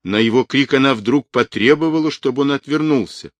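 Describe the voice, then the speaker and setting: A man narrating a literary novel in a measured, dramatic reading voice. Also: medium pitch, no room sound. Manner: measured, dramatic reading that rises for quoted shouts. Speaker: audiobook narrator.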